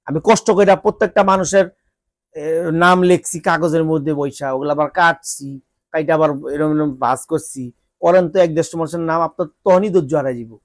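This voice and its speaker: A Bangladeshi man, sick with a cold and sounding congested, rants at his viewers in a voice on the high side with fairly even intonation. He speaks at normal speed, scolding in exasperation with repeated rhetorical questions. The recording is dry and studio-clean.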